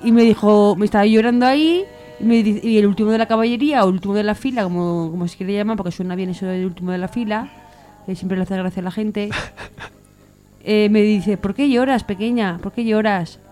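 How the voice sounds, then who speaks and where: Thirties woman sharing an anecdote on radio, lively, mid-pitched. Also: brisk, faint music behind. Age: 30s. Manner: animated, laughing, acts out dialogue. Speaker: participant telling a dream. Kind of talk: casual storytelling.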